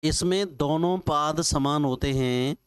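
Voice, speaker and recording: Man, Sanskrit teacher, slow dictation, clear resonant voice. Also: on the high side, no echo, studio quality. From Rajasthan, India. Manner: slow, repetitive dictation with folksy examples. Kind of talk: classroom lecture, dictating notes.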